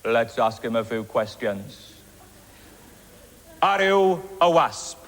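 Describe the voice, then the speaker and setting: A Welsh man doing a deliberately inept ventriloquist comedy act, with mock-earnest patter. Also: mid-range voice, big pitch swings, a bit bright. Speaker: comic ventriloquist. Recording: echoey hall with background noise.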